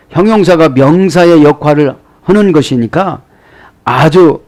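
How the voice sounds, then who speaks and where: A man's voice: a little high, a little mellow. A male pastor giving an expository sermon, breaking down grammar word by word and prodding the congregation with short questions. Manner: teacherly, parses original-language grammar word by word.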